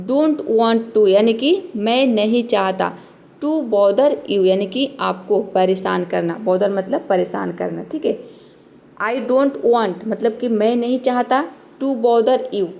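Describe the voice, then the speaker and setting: Fairly high-voiced woman teaching words. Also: a little mellow. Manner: spells words letter by letter, slows on English words; keeps repeating "theek hai". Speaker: English teacher. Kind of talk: spoken vocabulary lesson.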